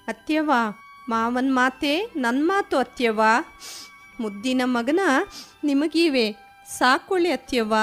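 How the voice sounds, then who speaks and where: An actress playing a young daughter-in-law who speaks in sorrowful, lilting village dialect in a radio drama. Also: female voice, high-pitched. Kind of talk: radio drama acting and folk-song singing.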